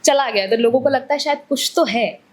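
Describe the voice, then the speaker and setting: Casting: high-pitched woman, actress guest, chatty, laughs a lot, acts out quoted lines. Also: fast talker. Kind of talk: casual interview chat.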